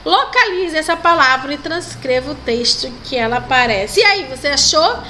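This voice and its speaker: A woman with a Brazilian Portuguese accent teaches a recorded primary school lesson, stretching out example words and checking in with the children. Her voice sits high and bright. A faint hiss of noise runs under the recording. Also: lively intonation. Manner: slow, patient, drawing out example words and checking with "ok?" and "né?". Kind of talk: recorded online class correcting textbook exercises.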